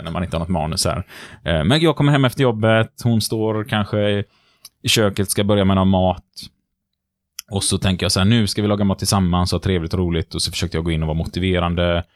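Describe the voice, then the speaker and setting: A man tells stories in a relaxed podcast chat. He is a lecturer and acts out what people said in his stories. The sound is close and dry, with no room echo. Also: sits low. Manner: lively storyteller who acts out the quotes. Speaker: lecturer on behaviour and body language. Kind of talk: casual podcast chat, storytelling.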